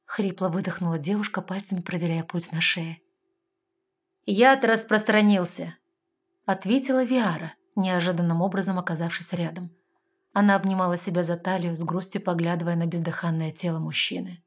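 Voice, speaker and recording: A woman narrating a fantasy novel aloud with a steady, expressive reading. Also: on the low side, a little fast, husky. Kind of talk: audiobook narration.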